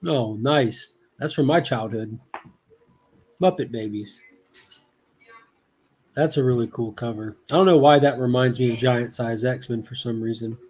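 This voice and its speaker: A man's voice: mid-range voice, a little slow, pauses often, darkish tone, breathy edge. A man joining a friend's livestream as a guest, chatting casually, joking around and laughing often. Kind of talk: casual chat.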